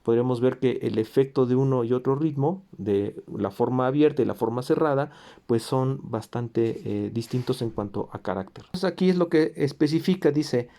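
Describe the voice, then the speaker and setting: Guy teaching music theory, mellow low-key voice, lots of eh and restarts, hums rhythms sometimes. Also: normal speed. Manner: explanatory, with fillers and self-corrections; sings rhythms in syllables. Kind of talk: recorded music theory lesson.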